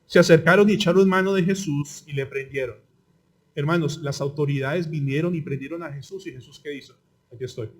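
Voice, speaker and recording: A man with a Colombian Spanish accent preaching a sermon as pastor, asking rhetorical questions and swinging between loud outbursts and quiet asides. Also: on the high side, fairly quick.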